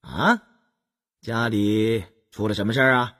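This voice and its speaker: A man reading an audiobook voices a carefree young imperial prince who talks in a lively, chatty way. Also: on the low side, measured pace.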